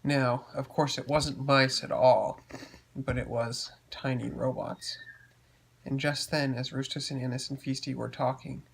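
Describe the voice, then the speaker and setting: A man telling a made-up bedtime story to a child, gently explaining as he goes. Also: mid-range voice, little pitch movement, measured pace, gravelly, husky, rough recording.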